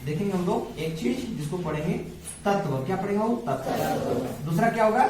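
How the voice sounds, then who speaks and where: Man, teacher, call-and-response classroom drill, high voice, echoey classroom, noisy. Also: expressive, brisk. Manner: drills students with repeated questions and call-and-response; calls students "babu" affectionately. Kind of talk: classroom science lesson. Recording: echoey room, voice far from mic, background noise.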